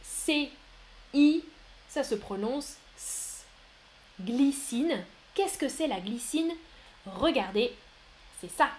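Woman, language teacher in a live class, slow deliberate delivery, slightly high pitch, encouraging, faint background noise. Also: animated, darkish tone. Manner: slow, clear, encouraging, reads chat names aloud. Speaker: French teacher. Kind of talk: live online French lesson.

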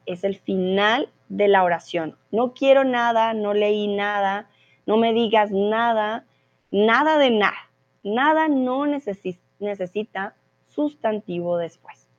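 A woman leads an online language class at an unhurried pace, walking learners through grammar with patient, repeated examples. The stream audio sounds dull and a little lo-fi. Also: mid-range voice. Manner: slow, patient explaining with repeated example sentences. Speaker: Spanish teacher. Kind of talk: live online language lesson.

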